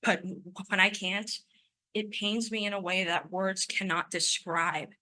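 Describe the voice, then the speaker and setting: This conference talk comes from a woman in her twenties sharing something personal and prepared, her voice forward and bright at a medium pitch with fairly even intonation. She speaks a little slowly, with a stutter that repeats some sounds, in an earnest, emphatic manner, and the recording quality is low.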